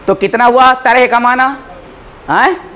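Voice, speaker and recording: A man teaching a class in a lecture style, repeating words slowly for students to write down. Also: very high voice, pushed and bright, slight background noise. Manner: slow, repeats words for dictation. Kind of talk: classroom lecture, dictating notes.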